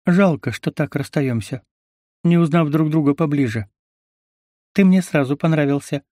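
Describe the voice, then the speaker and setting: A fierce, sardonic young woman fighter, voiced higher and sharper for a dark adventure audiobook, as a male narrator puts her on. She swings between biting irony and raw fury. The sound is dry and close. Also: normal speed, no room sound, close to an everyday voice. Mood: tender. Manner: ironic and fierce. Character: wry, tough young woman fighter, captive.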